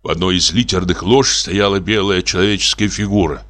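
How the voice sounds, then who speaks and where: A man narrating a classic short story in a measured, even storytelling manner. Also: low-pitched, soft background music. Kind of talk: audiobook reading of a classic story.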